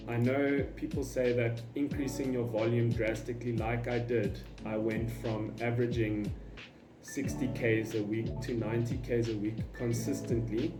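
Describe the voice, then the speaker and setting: A man giving an informal vlog explanation in an opinionated, emphatic way. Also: medium pitch. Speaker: running vlogger. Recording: roomy echo, faint music behind.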